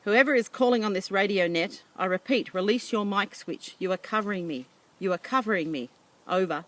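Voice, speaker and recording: A woman's voice: mid-range voice, brisk, lightly acted. A woman doing a firm male radio operator. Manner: firm, procedural radio talk.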